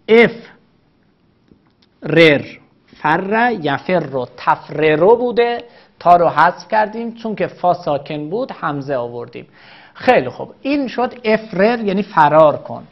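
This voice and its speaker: Woman teaching grammar step by step, low-ish voice, patient, kinda muffled lo-fi audio. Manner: patient, methodical, repeats examples slowly. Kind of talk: recorded grammar lesson.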